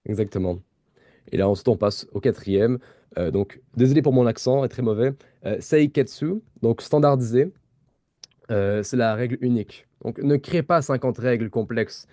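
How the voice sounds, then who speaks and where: A man's voice: mid-range voice, moderate pace, warm tone, no room sound, clean studio sound. A man with a Québécois accent co-hosting a podcast, explaining ideas in casual chat with frequent fillers and restarted words. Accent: Québécois French. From Quebec. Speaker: podcast co-host.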